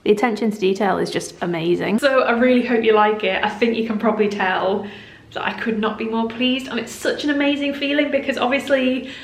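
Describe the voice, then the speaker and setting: A woman's voice: on the high side, a little fast, a little hiss or hum. Give me a gushing woman vlogging in an echoey, cave-like room. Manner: gushing, excitable, laughs often. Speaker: home vlogger. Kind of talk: casual vlog chat.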